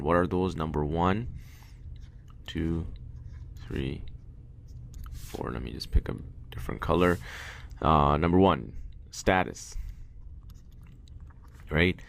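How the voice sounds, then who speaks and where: A man with a low, deep voice teaches a grammar lesson in a loose, casual way. He fills pauses with "uh" and "um", restarts his sentences, and keeps asking questions that he then answers himself. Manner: informal, thinking aloud with many fillers and restarts. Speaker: Arabic teacher.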